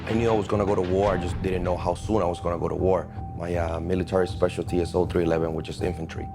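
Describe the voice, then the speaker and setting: A man's voice: low voice, little pitch movement, racing. A man, telling his story steadily in a documentary interview. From Colombia. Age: 30s. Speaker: security company owner. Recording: music underneath.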